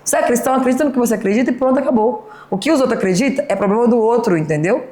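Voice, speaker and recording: An outspoken woman talks bluntly as a podcast guest, keeps checking that she's understood. Her voice sits a touch high, and the room around her rings with noticeable echo. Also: rapid-fire, dark tone. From Belo Horizonte, Brazil. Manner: outspoken, emphatic, keeps asking 'entendeu?'. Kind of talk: casual podcast chat.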